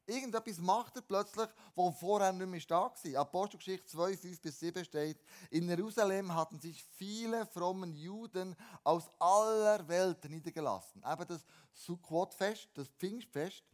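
A man preaching a sermon, animated, with repeated words and restarted phrases, swinging between emphatic lines and quiet ones. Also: high voice, moderate pace.

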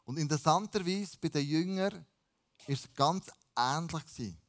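A pastor preaching a lively, casual sermon and dropping in English phrases. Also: male voice, on the high side, normal speed.

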